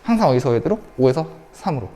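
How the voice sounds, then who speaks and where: A woman's voice: a bass voice, very animated, fast talker, dark tone, big-room sound. A woman teacher giving an online science lecture, repeating key points and asking the class rhetorical questions. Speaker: high school science teacher.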